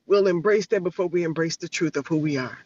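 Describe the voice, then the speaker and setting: A man's voice: a little high, fast talker, darkish tone, dry recording. A man speaking earnestly and passionately as a guest, sometimes searching for words. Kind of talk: earnest reflective speech. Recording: dull lo-fi online audio.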